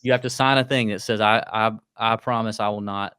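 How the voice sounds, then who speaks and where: Rambling, animated podcast host man. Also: fairly low pitch, a little fast, smooth, no room sound, studio quality. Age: 30s. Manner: rambling, animated rants with restarts. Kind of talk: casual chat.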